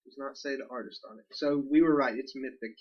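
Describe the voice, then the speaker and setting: A man's voice: medium pitch, fast, far from the mic, lo-fi sound. A man co-hosting a casual podcast, rambling and laughing as he unboxes comics. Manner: chatty, laughs often, rambling. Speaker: podcast co-host.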